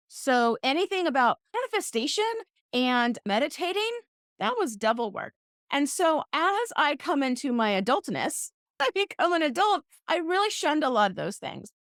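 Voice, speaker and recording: A woman's voice: on the high side, dry recording, studio quality. A woman hosting a podcast, telling a story in a playful, self-mocking, casual way. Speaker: podcast host.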